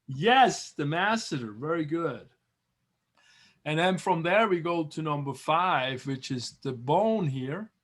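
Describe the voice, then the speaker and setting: Over a video call, a biology teacher from Switzerland reviews material with his class in a chatty, encouraging style, saying terms slowly and more than once. His voice is expressive and fairly bright, sitting slightly high for a man.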